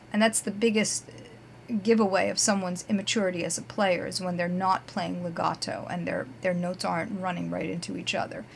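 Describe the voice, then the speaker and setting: A woman guitar teacher hosting her own podcast, talking in a chatty, upbeat way and warmly stressing her praise for students. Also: on the low side, gravelly, slight background noise. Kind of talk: casual scripted podcast segments.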